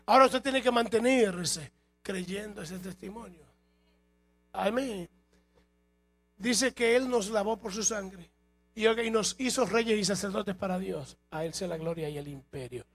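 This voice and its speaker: A man preaching a sermon as a pastor, emphatic, his loudness rising and falling. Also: sits high, measured pace, slightly rough, soft background music. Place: church hall.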